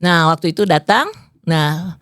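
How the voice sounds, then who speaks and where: A woman's voice: deep voice, a little slow, fairly bright tone, no echo, clean studio sound. A woman pastor in her fifties sharing a personal testimony in an interview, earnest and devout. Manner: earnest, devout, full of "praise the Lord". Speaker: pastor and guest.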